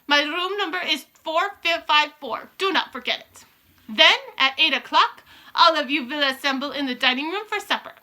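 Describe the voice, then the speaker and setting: Storybook villain: woman doing a bossy, shrieking witch queen, high and cutting. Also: lively intonation, moderate pace, pushed and bright, full character voice. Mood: commanding. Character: screeching imperious female witch leader.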